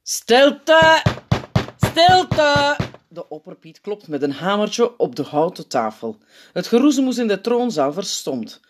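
Expressive woman reading a children's book. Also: lowish voice, moderate pace. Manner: expressive storytelling. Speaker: narrator. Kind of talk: audiobook narration.

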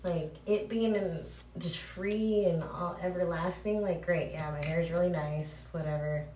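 A woman's voice: on the low side, steady tone, a little slow, a little mellow, far from the mic. A woman rambling informally as a podcast host, with playful asides and a cave-like echo from a bathroom. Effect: cave-like echo from the room. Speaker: podcast host recommending movies. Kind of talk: casual chat. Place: bathroom, on location. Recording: echoey cave-like bathroom, noisy.

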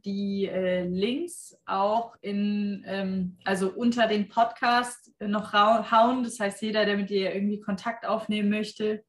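A woman's voice: mid-range voice, fairly even intonation, slow, hardly any pauses, roomy sound. A German-speaking woman hosting a casual podcast interview, laughing often and talking with plenty of fillers. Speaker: podcast host.

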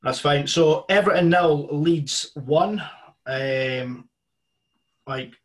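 A man's voice: fairly high pitch, very slow. A man chatting informally and matily about football as a podcast co-host. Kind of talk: casual football chat.

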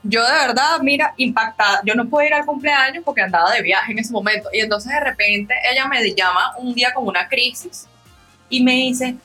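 A woman hosting a podcast in a studio, telling a story in an animated way and acting out the people in it. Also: fairly high pitch, moderate pace, soft background music. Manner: animated storyteller, acts out quoted voices. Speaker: podcast host.

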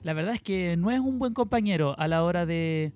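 A man's voice: sits high, expressive, brisk, darkish tone. A man, a physics teacher, chatting casually and agreeably, often chiming in. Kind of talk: casual chat.

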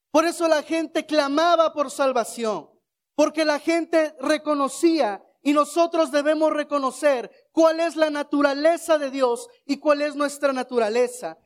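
A man preaching a sermon, asking rhetorical questions and leading the congregation in shouted responses. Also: very high-pitched.

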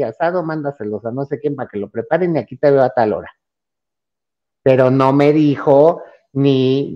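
A man's voice: mid-range voice, highs cut off. A man with a Mexican Spanish accent, a podcast guest casually telling an anecdote and acting out the dialogue in a raised voice. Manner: animated, acts out quoted dialogue in a raised voice.

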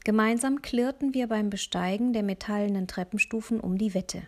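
A woman narrating a children's audiobook in the first person, lively, with soft breathy asides. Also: mid-range voice, normal speed.

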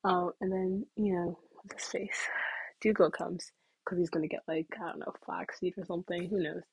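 A woman's voice: fairly low pitch, flat delivery, moderate pace, gravelly, slightly rough, no echo, low-quality recording. A young woman telling a casual story to camera, chatty and full of "like", sometimes dropping into whispers. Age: young adult. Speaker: vlogger.

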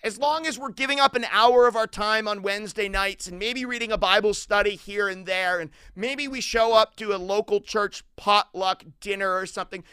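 A man preaching a sermon, animated and conversational, who acts out quoted voices with rising volume. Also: sits high, smooth, dry recording, studio quality.

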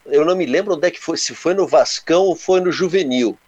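A man, co-hosting a casual show and telling stories in an animated way with sound-effect words. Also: fairly high pitch, a little fast, highs cut off. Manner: animated, onomatopoeic storytelling. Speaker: co-host. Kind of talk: casual storytelling chat.

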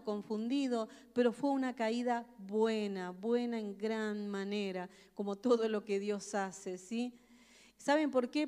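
A woman's voice: fairly high pitch, darkish tone. A woman preacher, giving an earnest sermon full of emphatic rhetorical questions. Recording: long reverb of a large hall.

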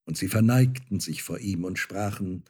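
A man reading a fairy tale aloud as narrator, calm and measured. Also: low voice, husky.

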